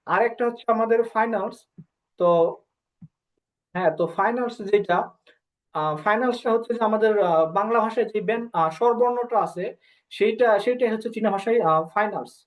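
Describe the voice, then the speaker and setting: A Bengali-speaking woman teaching a language lesson, often pausing with filler sounds and slowly drilling syllables one by one. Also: fairly high pitch. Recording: dull lo-fi recording.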